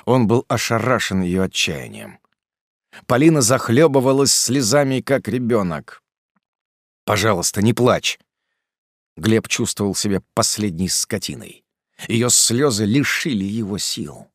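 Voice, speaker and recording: A man's voice: fairly low pitch, lively intonation, measured pace, dry recording. Man reading an audiobook, dry sound. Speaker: narrator. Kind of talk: audiobook narration.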